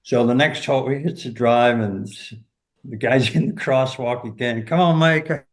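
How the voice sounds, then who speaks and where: An older man tells caddie stories as an interview guest, with an animated delivery. He chuckles often and fills his sentences with "you know.". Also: mid-range voice, moderate pace. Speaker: golf teacher and former caddie, guest. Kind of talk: anecdotal storytelling in an interview.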